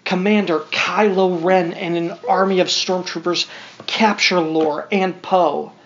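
Unhurried and steady, a woman with a lowish voice reads a storybook along with a young child as a parent would, tossing in simple asides and questions. The home recording sounds dull, with faint noise.

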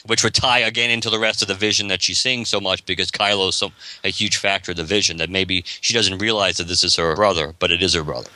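A man's voice: low-pitched, fairly even intonation, quick pace, hardly any pauses, pushed and bright, dry recording. A man co-hosting a podcast, explaining at length and reading short passages aloud in casual discussion.

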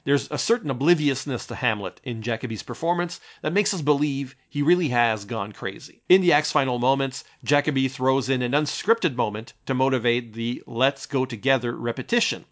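A man delivering scripted analytical commentary as a critic, in a measured, literary, explanatory way. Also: medium pitch. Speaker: narrator and film critic. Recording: dull, slightly lo-fi voice track.

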